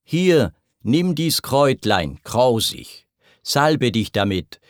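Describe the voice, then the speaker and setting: A man's voice: medium pitch, very animated, slow, no room sound, studio quality. A man voicing a wrathful king of the underworld in a recited verse story, stern and commanding.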